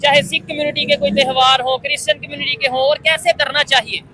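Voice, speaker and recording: A Pakistani-accented man hosts a street interview, easygoing and agreeable as he puts his questions. His voice sits high for a man and has a bright edge. Faint street noise runs under him outdoors. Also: little pitch movement, fast talker. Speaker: YouTube interviewer, host.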